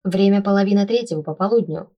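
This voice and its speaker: A woman voicing a cheeky undead male secretary who yells and drawls sulkily in a storybook reading. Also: medium pitch, a little fast, highs cut off, natural voice. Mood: sulky. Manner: shouting, sulky drawl.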